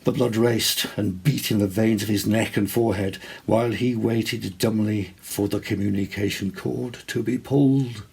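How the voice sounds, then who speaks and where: In a somewhat low voice with a creaky, breathy edge, a man performs a literary short story as dramatic narration, measured, expressive and deliberate.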